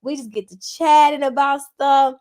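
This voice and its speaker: A woman co-hosting a casual podcast, her voice sitting a bit high. She tells stories with lots of energy, acting out what everyone said. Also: moderate pace. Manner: animated, excited retelling with quoted dialogue. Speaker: podcast co-host. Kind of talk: casual chat, storytelling.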